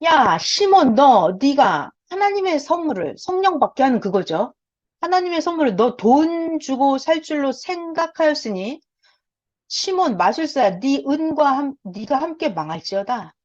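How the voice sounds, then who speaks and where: A woman taking the part of a stern male apostle laying into a sorcerer, commanding and scolding with a fairly high voice. the sound is dull and lo-fi. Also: sing-song, measured pace. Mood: rebuking.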